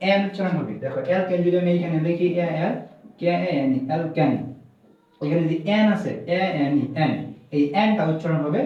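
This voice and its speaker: A man's voice: high voice, dark tone. A male chemistry teacher from Bangladesh speaking, giving a recorded lecture and answering his own questions. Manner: asks the students questions and answers them himself. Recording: very echoey room, distant mic, muffled sound.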